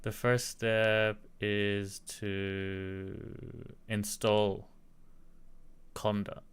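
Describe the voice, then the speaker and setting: With a slight American accent, a man teaches software in a live-streamed tutorial, chatting casually and answering viewers' questions. His voice is lowish and smooth, with little pitch variation and a very slow delivery.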